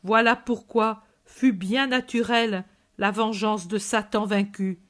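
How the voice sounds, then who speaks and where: A woman's voice: mid-range voice, fairly even intonation, measured pace, a bit bright, lightly acted. Compassionate male preacher, solemn and exhorting, read by a woman.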